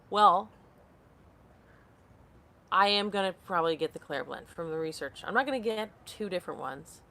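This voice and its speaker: Rambling through a casual live stream, a woman in her late thirties reads out viewer comments and keeps losing track of what she was saying. She has a lowish voice with a fairly bright tone.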